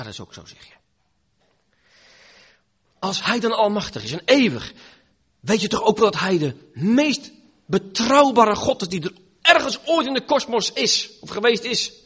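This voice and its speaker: A man preaches a sermon in a husky, fairly high voice whose pitch rises and falls widely. He shifts from loud pleading to hushed lines that are nearly whispers.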